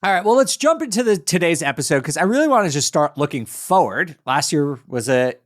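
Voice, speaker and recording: A man's voice: a little high, big pitch swings, a little fast. A man hosting a podcast in a casual, conversational style. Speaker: podcast host.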